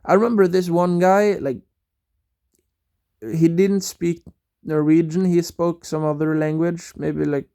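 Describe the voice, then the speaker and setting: A man's voice: on the high side, fairly even intonation, unhurried, dark tone, clean tone. A young man telling a rambling, casual story, hesitant and full of fillers and restarts. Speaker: vlogger.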